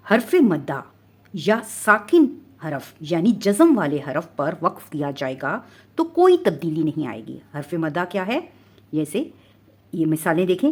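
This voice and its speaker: A woman's voice: lowish voice, breathy edge. A woman with a Pakistani Urdu accent teaching Quran recitation rules step by step, patiently explaining each rule and drawing out the recited Arabic words.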